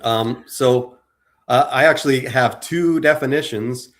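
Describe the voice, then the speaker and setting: A man's voice: mid-range voice, a little slow, a bit bright. A man talking as a podcast guest in casual discussion, explaining his ideas in a hesitant way with many stammered restarts.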